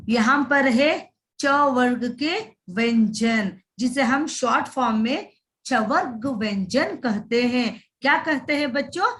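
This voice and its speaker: Woman, children's teacher, slow drawn-out sing-song delivery, a bit high-pitched. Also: fairly bright tone. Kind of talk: children's lesson voice-over.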